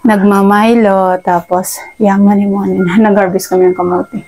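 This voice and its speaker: A woman's voice: medium pitch, little pitch movement, normal speed, a little mellow, slight background noise. A young woman chatting to her viewers in a casual vlog, talking outdoors at a rural home into a handheld phone. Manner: chatty, keeps addressing viewers as guys. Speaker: vlogger. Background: chickens and roosters around.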